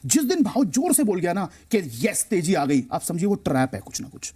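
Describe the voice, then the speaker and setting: A man's voice: sits high, very animated, brisk, dark tone, a little hiss or hum. A man appearing as a stock market expert on a TV show, explaining emphatically and repeating key phrases for effect. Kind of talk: explaining to a TV host.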